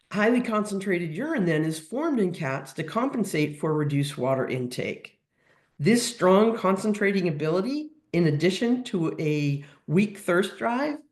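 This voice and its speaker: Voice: mid-range voice, darkish tone, echoey room. A veterinary technician giving an educational webinar lecture while suffering from a cold, explaining step by step with frequent ums and restarts. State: has a cold.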